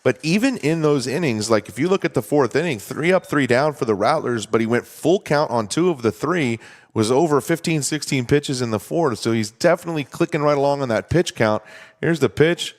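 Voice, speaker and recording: Steady conversational baseball play-by-play man. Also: brisk. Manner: steady, conversational, explains strategy between pitches. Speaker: play-by-play announcer. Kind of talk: baseball commentary.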